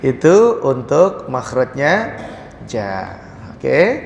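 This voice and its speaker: A man teaching a Quran recitation class, repeating sounds slowly in drills and talking casually with many "ya" and "gitu" fillers. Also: on the high side, echoey room, long reverb tail, slight background noise. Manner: drawn-out pronunciation drills, frequent "ya" and "gitu". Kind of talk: casual tajwid lesson with demonstrations. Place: prayer room, indoors.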